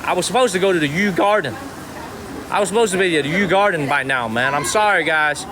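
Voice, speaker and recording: A man's voice: sits high, lively intonation, fast, a crowd in the background. A man hosting a live vlog outdoors, chatting on in a rambling way and repeating his phrases for emphasis. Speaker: live stream host. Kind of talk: live vlog street chat. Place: outdoors on a busy city street. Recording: noisy outdoor city street with traffic.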